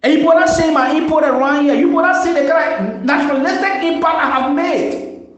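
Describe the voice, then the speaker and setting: A man's voice: very high voice, a little fast, reverberant, dull audio. A young man from Liberia with a Liberian English accent, making an impassioned public statement as a former official and hammering home rhetorical questions. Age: young adult.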